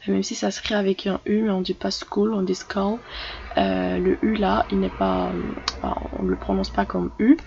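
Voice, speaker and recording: A woman teaching English words in a relaxed, casual lesson, often stopping and starting over with small fillers. Her voice has a gravelly fry, and the recording sounds a little dull with faint noise in the background. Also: mid-range voice, fairly quick. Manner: hesitant, many fillers and restarts. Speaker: English teacher for French speakers.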